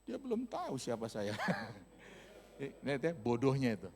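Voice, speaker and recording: Male pastor, sermon delivery, swooping expressive pitch, joking slangy storyteller, long hall reverb. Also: measured pace. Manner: animated, humorous storytelling in casual slang. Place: church hall.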